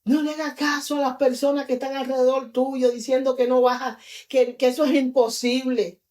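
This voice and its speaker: A woman's voice: high-pitched, flat delivery, normal speed, a little mellow. A woman preacher delivering a fervent sermon, telling stories and calling on her listeners to seek their miracle. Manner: fervent, storytelling preacher voicing scenes.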